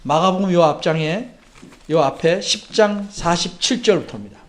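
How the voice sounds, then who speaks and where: A man preaching a sermon as a pastor. He reads scripture aloud, acts out the quoted cries, and swings from loud calls to hushed asides. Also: high voice, moderate pace.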